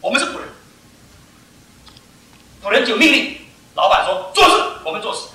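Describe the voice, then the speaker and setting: An older man preaching a sermon to his church, emphatic and animated, pressing each point home with "I tell you.". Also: very high-pitched, moderate pace, vocal fry. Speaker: pastor. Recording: echoey hall, mic far off.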